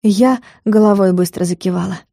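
A woman reads a fantasy audiobook in a lively storytelling manner, ready to slip into character voices. Her medium-pitched, gravelly voice is mellow and warm rather than bright, at a moderate pace. The recording is close and dry, with no room sound.

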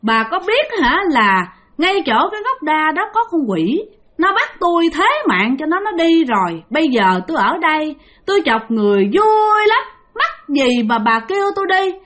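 A woman's voice: high voice, very animated, moderate pace, a bit bright, voice pushed up. Woman voicing a young woman's ghost. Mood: menacing. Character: ghost of a young woman, pleading, turns menacing.

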